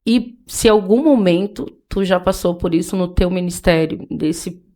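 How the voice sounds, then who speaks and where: A woman's voice: fairly low pitch, a little slow, mellow. A woman host, asking reflective questions in a casual faith interview and often checking in with "né". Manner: reflective, probing questions with frequent "né". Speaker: podcast host.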